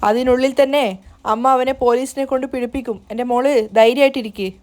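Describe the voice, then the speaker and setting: A firm, protective mother, played by a woman narrator, soothing and stern at once. Her voice is high. It is a storybook recap. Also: fairly even intonation, fast talker, darkish tone, lightly acted.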